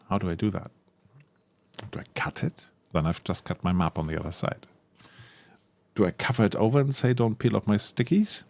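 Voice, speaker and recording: A deep, darkish-toned man, a tabletop RPG content creator, chats casually through an unboxing. Excited about the product, he thinks aloud, often saying um and correcting himself.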